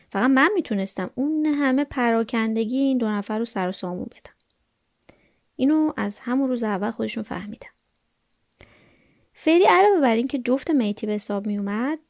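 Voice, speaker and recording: Woman, storytelling narration, wry, gossipy, slightly high voice, dry close sound. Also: a little mellow, no echo. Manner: wry, gossipy first-person telling.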